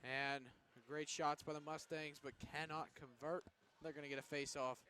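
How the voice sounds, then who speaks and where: A man's voice: on the high side, level tone, moderate pace, sharp tone, slight background noise. A young man calling hockey play-by-play for a student broadcast, upbeat and jokey. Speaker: play-by-play announcer. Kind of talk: student sports commentary.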